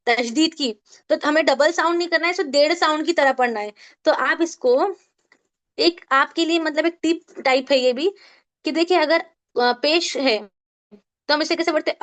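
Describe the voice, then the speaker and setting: A woman teaching an online Tajweed class, drilling letter sounds slowly and quizzing her students. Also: high-pitched, fairly bright tone. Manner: asks the class questions and answers them.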